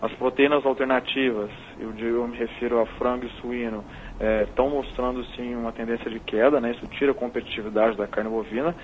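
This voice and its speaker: A man with a Brazilian accent, a market analyst, explaining prices in a measured, analytical way while heard over a phone line. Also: medium pitch, steady tone. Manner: measured, analytical, tags points with "né?". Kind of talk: explaining market figures on a call-in interview. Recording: dull phone line with faint noise.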